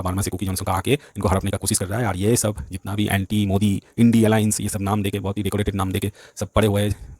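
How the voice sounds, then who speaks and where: This vlogger from West Bengal, India, speaks Hindi in a fairly low, dark voice with no room sound. His political monologue is heated and repetitive, and he agitatedly keeps saying "bhai sahab."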